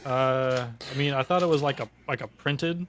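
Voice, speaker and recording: A man's voice: medium pitch, moderate pace, a bit bright. Teasing joker man, noisy recording. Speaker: podcast co-host. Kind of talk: casual podcast chat. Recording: clear background noise.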